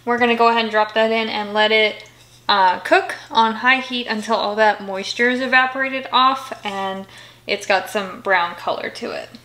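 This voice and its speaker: A young woman hosts a cooking video in her home kitchen, walking through each step in a friendly, chatty way. Her voice is a little high and steady at normal speed, and the kitchen is echoey, with a sizzling pan and frying and stirring sounds in the background.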